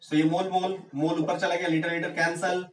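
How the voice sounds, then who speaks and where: A man giving an exam-prep chemistry lecture. He keeps asking rhetorical questions and urges the students to answer quickly. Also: high-pitched, little pitch movement, echoey room, far from the mic, low-quality recording. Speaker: chemistry teacher.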